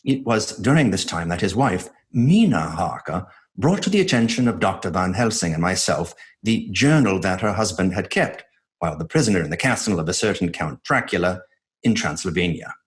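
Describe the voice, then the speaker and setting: An actor playing an earnest male doctor who recounts his case records in measured, formal horror audio drama narration. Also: low-pitched, expressive. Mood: sober, grave. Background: music.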